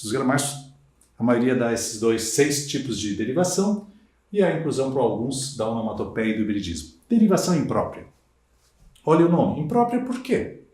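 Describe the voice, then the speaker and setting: Animated male language teacher, echoey room. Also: mid-range voice. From Brazil. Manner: lively, emphatic teaching with frequent rhetorical tags. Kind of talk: recorded exam-prep lecture.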